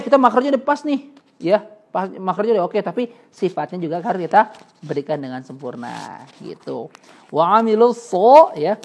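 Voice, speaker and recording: Relaxed, chatty male Quran teacher. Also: high-pitched, vocal fry. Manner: chatty and relaxed, slowly demonstrating Arabic letter sounds; laughs often between explanations. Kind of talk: casual tajwid lesson.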